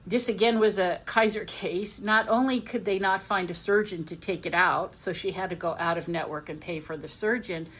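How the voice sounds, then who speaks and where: A woman's voice: fairly low pitch, moderate pace, few pauses, fairly bright tone, low-quality recording. A woman talking in an explanatory way, recounting a case.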